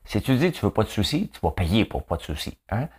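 Very animated and a little fast, the host speaks in a fairly low, slightly rough, nasal voice with a Quebec French accent. He jokes his way through a casual commentary monologue, chatting away and tagging lines with "hein".

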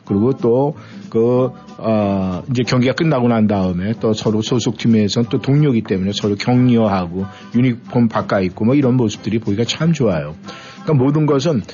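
A man's voice: medium pitch, moderate pace, mellow, faint music behind. A man hosting a radio show, chatting casually and playfully mimicking dialects. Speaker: radio host. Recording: muffled radio broadcast.

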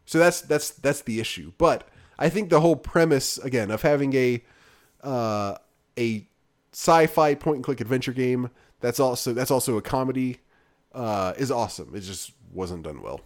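This podcast co-host talks loosely about video games, wandering from point to point with lots of fillers and frequently trailing off. His medium-pitched voice is expressive and moves at normal speed.

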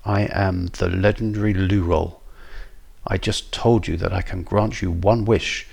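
A flat, fed-up magical loo roll with a quiet, deep, gravelly voice, as a man puts it on. It sounds unimpressed and exasperated, like a storybook character. The voice is a little husky. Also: unhurried, full character voice. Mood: deadpan. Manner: deadpan, exasperated. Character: deadpan magical male toilet roll, grumpy.

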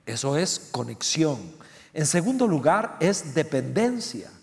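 A middle-aged man preaching a sermon, emphatic, with loud stressed lines and soft low asides. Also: big pitch swings, a little slow, creaky. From Central America. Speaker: pastor. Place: church sanctuary. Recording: long church hall reverb.

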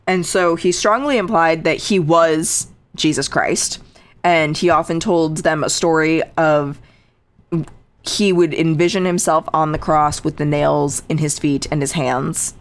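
Low-voiced woman telling a story wryly. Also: steady tone, measured pace. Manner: casual and wry, with many fillers and sarcastic asides. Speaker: podcast co-host telling a true crime story. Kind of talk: casual storytelling chat.

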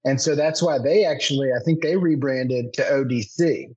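A male podcast host chats casually with a guest in an interview, rambling and restarting his sentences often. His mid-range voice is husky with a darkish tone at normal speed, and the sound is lo-fi.

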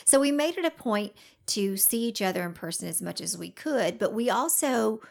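A woman with a Southern US accent talks in a relaxed co-host chat. Her voice has clear vocal fry, and her banter is wry and self-deprecating. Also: medium pitch, normal speed. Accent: American Southern. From southern United States. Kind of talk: casual co-hosted chat.

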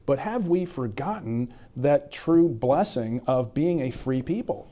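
A man's voice: medium pitch, lively intonation, a little slow, warm tone. A man hosting an interview, asking long rambling questions with restarts. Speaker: interviewer, host. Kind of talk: conversational interview.

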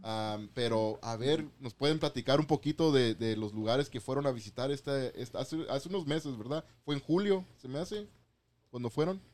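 A man's voice: mid-range voice, normal speed, a little mellow. Man hosting a casual bilingual chat. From Mexico. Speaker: host. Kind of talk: bilingual casual interview, switching between Spanish and English.

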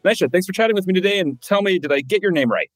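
A man's voice: high-pitched, expressive, very fast, no echo, rough recording. A man hosting an interview podcast, upbeat and asking short follow-up questions. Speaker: podcast host.

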